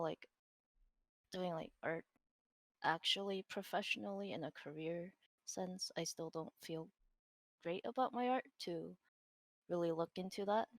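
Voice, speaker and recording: A woman who works as a digital artist is a guest on a podcast, answering in a casual interview with hesitant, self-doubting speech full of "like"s and small laughs. Her voice is fairly low and unhurried, with long pauses and no room sound.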